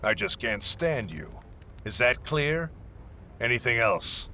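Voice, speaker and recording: A man's voice: medium pitch, sing-song, slow, pushed and bright, slight background noise, heavily acted. A man playing a hostile, bossy warrior leading a scouting mission in a video game, curt and scornful. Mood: contemptuous, bitter. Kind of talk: video game dialogue acting.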